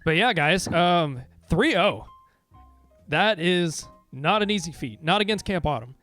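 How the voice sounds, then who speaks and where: A man's voice: high voice, lively intonation, measured pace, pushed and bright, soft background music. A man casting a live esports match and then interviewing the winning team, upbeat with casual fillers. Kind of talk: live esports play-by-play commentary.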